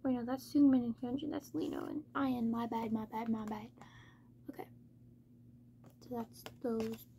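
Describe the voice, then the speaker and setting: Casual female unboxing host, high mellow voice, monotone with flat word stress, some background noise. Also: normal speed, vocal fry, long pauses. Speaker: K-pop album unboxing host. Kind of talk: casual chat, unboxing commentary.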